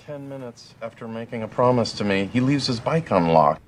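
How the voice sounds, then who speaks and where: An actor speaking in a chatty, self-amused sitcom monologue. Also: male voice, mid-range voice, lively intonation, moderate pace, a little hiss or hum, lightly acted. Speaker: sitcom dad character. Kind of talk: sitcom dialogue.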